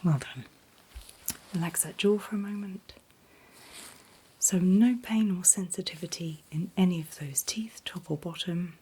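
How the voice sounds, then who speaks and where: A woman doing a whispered role-play as a calm dentist, speaking in a breathy whisper with gentle, reassuring, unhurried instructions. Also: lowish voice. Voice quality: breathy, mostly unvoiced whisper. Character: calm, attentive dentist soothing a patient. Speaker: ASMR performer playing a dentist.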